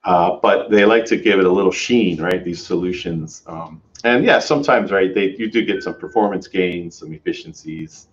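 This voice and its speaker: A man with a very low voice hosts a tech livestream in loose, casual chat. He rambles and restarts his sentences, filling gaps with "uh" and "um". The stream audio sounds dull and lo-fi. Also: normal speed, few pauses. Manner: rambling, many fillers and restarts. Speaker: host, developer advocate.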